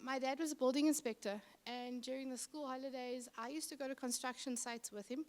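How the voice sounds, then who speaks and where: A middle-aged woman with a Cape Town South African accent, giving a conference presentation as a city infrastructure manager, talking conversationally with frequent ums and uhs. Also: high-pitched.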